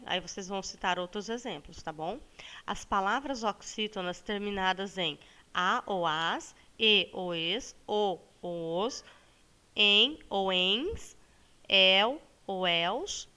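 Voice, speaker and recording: A woman teacher with a Brazilian Portuguese accent patiently guides students through a recorded classroom lesson in a medium-pitched, fairly bright, clean voice. She draws words out slowly to mark the stressed syllable and often ends phrases with a checking "tá bom?"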